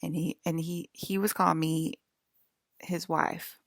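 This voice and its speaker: A woman in her forties delivers a rambling, direct-to-camera vlog monologue, defiant and scolding, checking in with viewers after almost every point with frequent "okay?" and "right?". Her low voice is level and unhurried. The recording is clean studio sound with no room noise.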